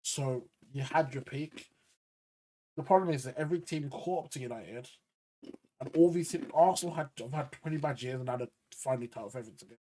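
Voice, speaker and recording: A man's voice: medium pitch, fairly quick, warm tone, poor audio. A man podcast host in a casual football debate, insistent, repeating himself to hold the floor and swearing casually.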